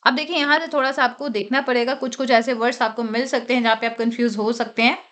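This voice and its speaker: A woman with a high voice gives an exam-prep grammar lecture. She reads each rule out slowly and then explains it in a steady classroom manner, pausing to ask "okay?". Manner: reads English rules slowly, then explains in Hindi with frequent "okay?" checks. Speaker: English grammar teacher.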